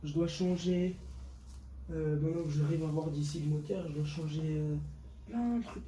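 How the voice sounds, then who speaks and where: A slightly high yet dark-toned voice belongs to a Portuguese teen of 15 showing his motorbike to viewers at a normal speed. He chats casually without a script, using slang and repeating words for emphasis. The audio is poor, with background noise on an otherwise clear recording.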